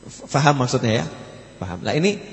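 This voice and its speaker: A man teaching in a sermon, moving between loud, rising questions and soft, low asides. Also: big pitch swings, fairly quick, vocal fry, long reverb tail, faint music behind. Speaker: religious teacher. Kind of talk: Islamic study sermon.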